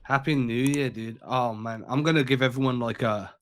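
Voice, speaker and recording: A man's voice: mid-range voice, fairly even intonation, normal speed, soft background music. A man hosting a casual sports podcast, sick and congested, talking in a laid-back, slangy way. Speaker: podcast host.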